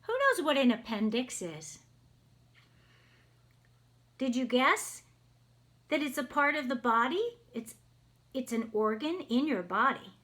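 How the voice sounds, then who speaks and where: A woman reads aloud from a picture book for kids in a slow, sing-song, high-pitched voice that's a bit bright, pausing often. She reads expressively and breaks off to ask the children simple questions.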